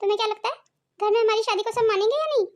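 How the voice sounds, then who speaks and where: A woman voicing a scheming young other woman, squeaky. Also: rapid-fire, soft background music. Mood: coaxing. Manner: coaxing, falsely sweet. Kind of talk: cartoon soap voice acting.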